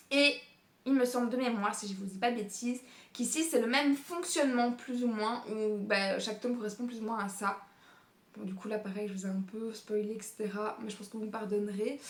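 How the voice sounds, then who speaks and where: Chatty young woman, book talk, somewhat high voice, echoey room. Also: fairly bright tone. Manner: chatty, many fillers, laughs often. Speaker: book youtuber.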